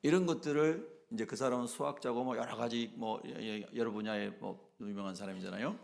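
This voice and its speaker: A man's voice: mid-range voice, fairly quick, vocal fry, darkish tone. A male pastor preaching a sermon emphatically, often asking the congregation questions.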